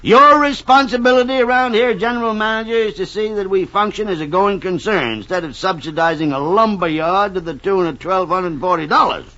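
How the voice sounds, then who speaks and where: A blustering tycoon. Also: male voice, mid-range voice, sing-song, moderate pace, a bit bright. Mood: bullying. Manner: gruff, domineering, dismissive. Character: blustering cold businessman father. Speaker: company boss. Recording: dull lo-fi old radio recording.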